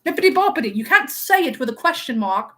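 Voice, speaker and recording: A woman's voice: fairly high pitch, very animated, normal speed, a bit bright. A woman streamer playing a vain, playful young male wizard, chatting in a teasing, mock-offended way while hosting a live-stream role-play. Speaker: livestream host.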